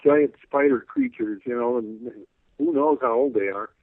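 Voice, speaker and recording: A man's voice: medium pitch, moderate pace, no echo. Rambling man on a tinny phone line. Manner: rambling, folksy, full of "you know". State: losing his voice, clearing his throat. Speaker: radio show guest. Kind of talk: casual call-in radio interview. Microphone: telephone.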